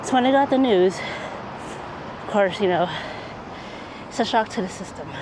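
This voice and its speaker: A person talking in halting phrases while running outdoors, recording a casual, reflective vlog monologue. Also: mid-range voice. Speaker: vlogger. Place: outdoors, on a run. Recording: clear outdoor noise, passing vehicles.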